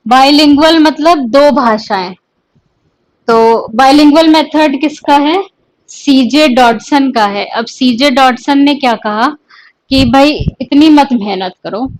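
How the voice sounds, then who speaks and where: A woman with an Indian English accent teaching an exam-prep English lesson, dictating terms slowly and then explaining them in Hindi. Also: high-pitched, no echo, rough recording. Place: coaching class or studio.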